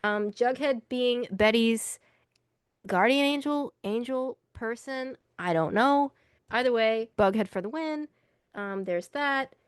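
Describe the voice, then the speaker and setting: A woman's voice: on the high side, slow pace, clear, resonant tone, dry recording, studio quality. A woman co-hosting a podcast in casual chat, rambling with many fillers. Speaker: podcast co-host.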